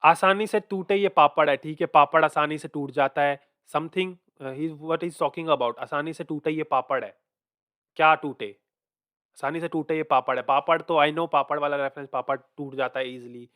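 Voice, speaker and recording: A man hosts a casual music reaction, thinking aloud in a mix of Hindi and English and repeating lines back to himself. His voice is a little high and steady, at a moderate pace.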